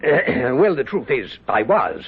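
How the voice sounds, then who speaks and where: A man's voice: medium pitch, sing-song, slow pace, husky, full character voice. A man playing a pompous, sardonic British general and vain playwright in a 1970s radio drama, speaking in florid, theatrical style with a British accent. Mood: teasing, amused. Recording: dull lo-fi vintage radio broadcast.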